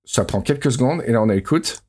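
A man hosting a podcast in casual chat, chatty and quick to laugh. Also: medium pitch, lively intonation, darkish tone. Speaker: podcast host.

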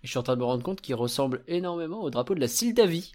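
A man's voice: fairly high pitch, animated, racing, darkish tone, dry recording. A man hosting a casual panel chat, with wry, teasing interjections. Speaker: podcast host.

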